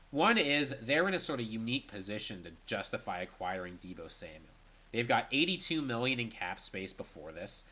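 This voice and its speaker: Reacting alone to sports news, a congested, stuffy-sounding young man analyses it briskly with emphatic stress. He speaks at medium pitch with a sharp tone.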